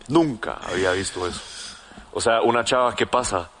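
A young man telling a story in casual, slangy chat, animated and full of restarts. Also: lowish voice, moderate pace, a little hiss or hum.

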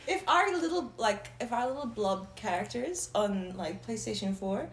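A young woman chatting as a podcast guest, playful and quick to laugh. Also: a little high, animated. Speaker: podcast guest, training client. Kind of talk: casual chat. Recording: echoey room with loud noise.

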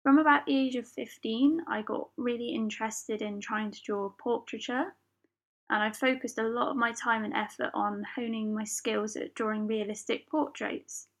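A woman's voice: on the high side, steady tone, moderate pace. A woman hosting her own podcast, talking in a chatty, personal way with small fillers and the odd laugh. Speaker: podcast host. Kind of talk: solo podcast monologue.

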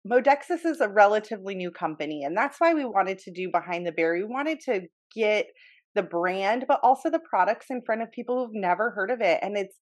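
A woman's voice: medium pitch, expressive, fairly quick. Upbeat chatty woman host. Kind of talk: casual interview chat.

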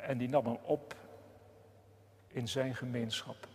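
A man preaching a sermon slowly and deliberately, with long pauses and passionate emphasis. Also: mid-range voice, little pitch movement, a little mellow, in a large hall, slight background noise. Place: church.

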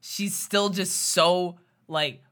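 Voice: mid-range voice, fairly even intonation, drawn-out words, a bit bright. A podcast host in casual chat who swears freely and laughs through the lines. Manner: mimics people in quoted voices.

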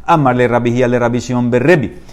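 A man's voice: fast talker, clear, resonant tone. A man teaching a Talmud class, reading Aramaic passages and explaining them in Spanish. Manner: animated, rises in pitch when stressing points.

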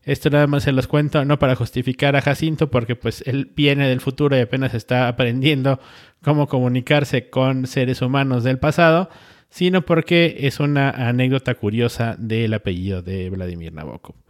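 A man hosting a podcast, talking casually and rambling with frequent pauses. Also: medium pitch, fairly even intonation. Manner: rambling, with many filler sounds and restarts. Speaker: podcast host.

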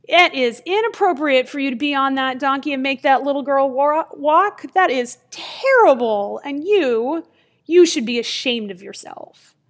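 A woman's voice: on the high side, expressive, moderate pace, few pauses. A woman voicing a group of judgmental townsfolk who scold the travelers indignantly. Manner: indignant, finger-wagging.

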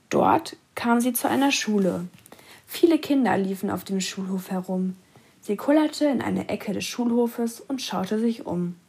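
A woman reading a children's story aloud in a calm, even storytelling manner. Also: mid-range voice, creaky, husky.

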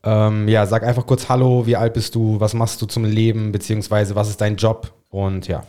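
A man's voice: on the low side, level tone, brisk, warm tone. A man with as his hosting a podcast, bantering crudely, swearing and cutting in with jokes. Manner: joking, interrupting, swears freely. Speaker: podcast host.

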